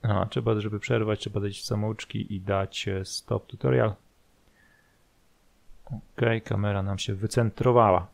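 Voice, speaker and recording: Man, fairly low voice, frequent vocal fry, casual tutorial commentary, halting delivery. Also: flat delivery. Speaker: flight simulator video host. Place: voice-over recorded over screen capture.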